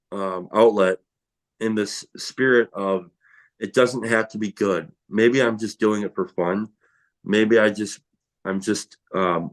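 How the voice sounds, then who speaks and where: A man talking casually and reflectively about creative work, rambling with frequent restarts and fillers. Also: fairly low pitch. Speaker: tile worker who makes videos. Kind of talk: casual conversation.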